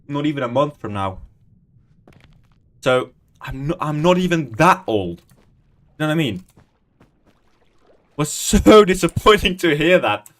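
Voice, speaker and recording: With a voice on the high side, expressive and measured, this young man in his 20s leaves long pauses as he streams Minecraft. He rambles and chats self-deprecatingly, muttering under his breath while he types in commands.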